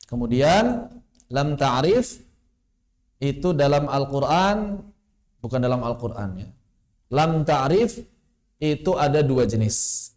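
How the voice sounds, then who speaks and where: A man teaching tajwid in an online class. He explains with examples and recites Arabic phrases in a drawn-out chant. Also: mid-range voice, animated, darkish tone. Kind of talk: online lesson. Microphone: online class microphone.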